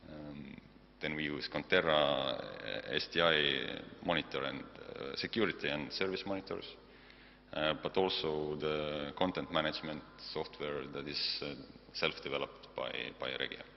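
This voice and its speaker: Estonian accent guy doing a tech presentation, hesitant with lots of pauses, muffled audio w hum and noise. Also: a bass voice, vocal fry. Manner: halting, hesitant delivery with frequent pauses and hums. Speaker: conference presenter, software developer side. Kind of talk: technical conference presentation. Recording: dull, noisy hall recording with long reverb, hum.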